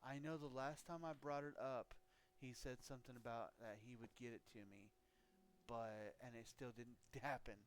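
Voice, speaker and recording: A man's voice: mid-range voice, steady tone, normal speed, clean tone. A man chatting casually on a live stream, rambling and laughing between thoughts. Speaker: livestreamer.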